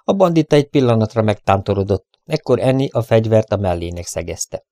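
A man narrating an adventure story in a steady, measured reading voice. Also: on the low side, dry recording, clean studio sound. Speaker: audiobook reader.

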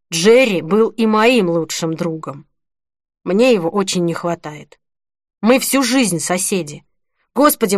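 A woman's voice: medium pitch, no room sound, studio quality, natural voice. A woman reading the part of a grown man who earnestly and firmly consoles a grieving friend in an audiobook. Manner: earnest, persuasive, gently firm.

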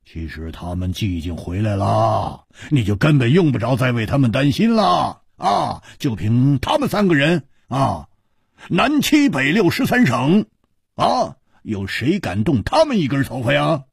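A hearty, hard-drinking swordsman, as a male storyteller puts him on, gruff and boisterous, with grunts and heavy sighs. His husky voice leaps from low to high as he talks. The recording is dry and close. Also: big pitch swings, measured pace, no room sound, exaggerated voice. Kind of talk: storytelling dialogue.

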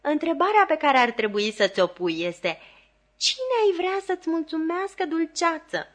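A woman's voice: sits high, big pitch swings, pitched above the performer's own voice. A woman reading an audiobook, voicing Sarah Pocket, a small, spiteful old woman who hides her malice behind sweet politeness. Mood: sugary. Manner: sugary, falsely polite.

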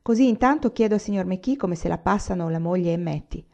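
A woman reading the part of an eager, lively teenage girl in a storybook. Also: fairly low pitch, fast, gravelly, dull audio.

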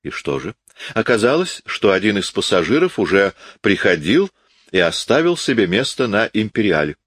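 A man's voice: lowish voice, sing-song, normal speed, fairly bright tone, no room sound, studio quality. Man doing a glib young cavalry officer. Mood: explaining. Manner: breezy, easygoing, lightly mocking. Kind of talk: audiobook character voice.

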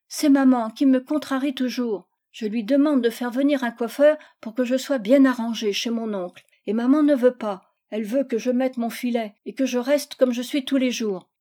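A woman's voice: a little high, moderate pace, hardly any pauses, dark tone, voice pushed up, lightly acted. A woman voicing a spoiled, demanding little girl who whines and insists in a storybook reading. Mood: petulant. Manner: whiny, insistent.

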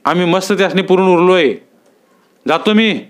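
A man's voice: sits high, moderate pace, voice pushed up, natural voice. A man reading a story aloud, voicing Dajiba, a blunt, scheming village man with rustic speech. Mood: insistent.

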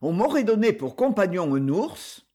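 A man's voice: high-pitched, sing-song, normal speed, dark tone. A man reading the part of a proud, hot-tempered chevalier hero who gives orders and threats. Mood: curious. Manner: commanding, menacing.

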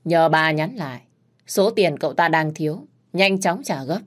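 A swaggering young debt collector in a spoken story, low-voiced and blunt, voiced by a woman narrator. Each line lands as a flat threat. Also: normal speed. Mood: threatening. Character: menacing young male debt-collecting thug.

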